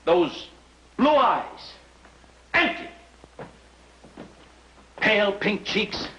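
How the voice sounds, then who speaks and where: An actor playing a bitter, frustrated young artist who talks in a brooding, sardonic way in a 1950s TV drama. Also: male voice, high-pitched, big pitch swings, extremely slow, sharp tone, dull audio, a little hiss or hum, heavily acted.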